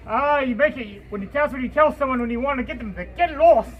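A woman with a very high voice rambles cheerfully in pirate character inside a drugstore. She leans on filler sounds and tosses in pirate calls as a companion films her on a handheld camera. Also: fast, lo-fi sound. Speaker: fursuiting vlogger in pirate costume. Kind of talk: playful pirate-themed vlog chat.

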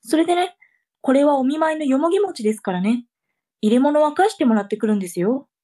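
A woman's voice: sits high, fast talker, mellow, natural voice. A woman playing a bossy, scolding mother in a comic tongue-twister reading drama. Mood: brisk, instructing. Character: bossy, scolding mother sending children on errands.

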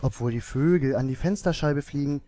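A man's voice: a little high, a little fast, dark tone, lightly acted. Man voicing a hopeful lonely fir tree. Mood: yearning. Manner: wondering, earnest inner questions.

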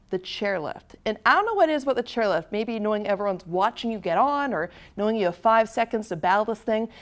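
A young woman hosting and narrating a television feature in a scripted, upbeat presenter style. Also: a little high. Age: young adult. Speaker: TV host and reporter.

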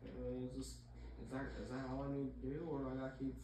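A young man giving casual let's-play commentary, unsure and self-mocking, often halting and restarting his sentences. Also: mid-range voice, monotone. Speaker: gamer. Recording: echoey room, mic far off, noisy.

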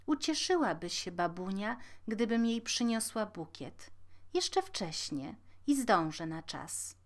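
A woman's voice: medium pitch, very animated, slow pace. A woman voicing an innocent, trusting little girl in a fairy tale, with polite, naive speech. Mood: thoughtful.

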